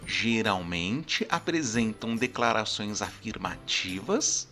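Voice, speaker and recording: A man teaches a recorded grammar lesson at an unhurried pace. His pitch moves a lot as he explains each point step by step, often pausing to check that listeners follow. Soft music plays faintly behind him. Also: very animated. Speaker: language teacher.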